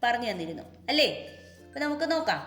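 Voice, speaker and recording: High-voiced Malayali woman teaching phonics. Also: sing-song, fairly bright tone. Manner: slow, drawn-out sounding out of letters and words; coaxing questions to the children. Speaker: kindergarten teacher. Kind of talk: phonics lesson for young children. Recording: echoey room with long reverb, faint music.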